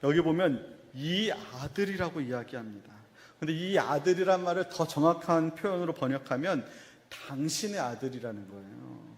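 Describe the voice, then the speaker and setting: A man, a pastor, preaching a sermon. He asks the congregation questions and answers them himself, and gently acts out a father's words to his son. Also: medium pitch, long reverb tail. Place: church sanctuary.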